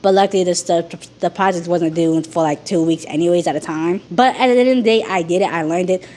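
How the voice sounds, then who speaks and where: A woman's voice: lowish voice, fast talker, warm tone. Rambling woman vlogger with a sick voice. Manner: rambling, frank, conversational. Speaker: YouTuber. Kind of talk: candid personal vlog.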